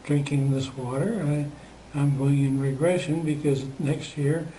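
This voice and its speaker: An elderly man in his eighties speaks in a halting, unscripted way, full of pauses and throat clearing. His voice is dark and mellow, with a faint noise underneath. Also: fairly high pitch, fairly even intonation, poor audio. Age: 80s. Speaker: customer giving a testimonial. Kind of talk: unscripted testimonial.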